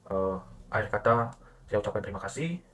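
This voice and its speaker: A man's voice: lowish voice, expressive, brisk, fairly bright tone. A young man, a student, gives the closing remarks of a class presentation, hesitating with many filler sounds.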